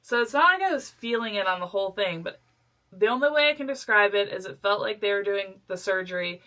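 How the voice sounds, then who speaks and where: A young woman with a bright, clear voice chats casually as a podcast co-host. She tells her story with animation and acts out the voices of the people she quotes. Her pitch sits in the middle of the usual range. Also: animated, quick pace. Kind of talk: casual chat.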